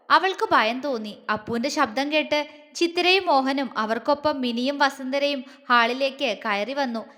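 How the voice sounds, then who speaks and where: A woman storyteller reads a family romance aloud, steady and expressive. Her voice sits high, and a long reverb trails after each phrase in the room. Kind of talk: narrating an audio story.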